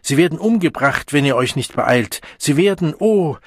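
A man reading aloud takes on a timid, frantic man who screams for help. The voice jumps very high and loud, shrill and husky, recorded dry. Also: lively intonation, normal speed, no room sound. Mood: panicked.

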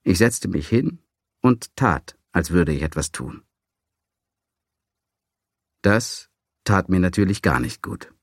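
A man reading a first-person story aloud, dry and wry in a calm, measured way. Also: low voice, vocal fry, no room sound. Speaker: audiobook narrator. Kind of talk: scripted first-person narration.

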